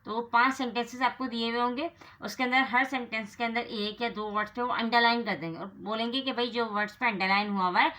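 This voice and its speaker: A woman's voice: on the high side, fairly even intonation, fast, sharp tone. A young woman teaching English grammar in a lecture, asking rhetorical questions and answering them herself, with English terms mixed into her explanations. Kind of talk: classroom lecture.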